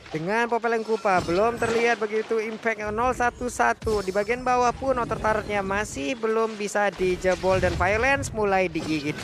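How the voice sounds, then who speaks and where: High-voiced Indonesian male esports caster. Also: fairly even intonation, normal speed, few pauses, background noise. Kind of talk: live esports commentary.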